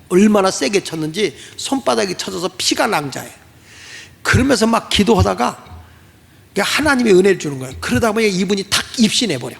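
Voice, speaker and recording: High gravelly pastor in a reverberant hall. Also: male voice. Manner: animated, acts out quoted voices. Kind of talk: storytelling sermon.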